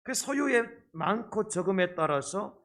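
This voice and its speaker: This pastor's high, fairly bright voice comes through his face mask slightly muffled as he delivers a sermon at a church service. Speaking a little slowly and expressively, he lays out his points one step at a time and keeps asking the congregation rhetorical questions.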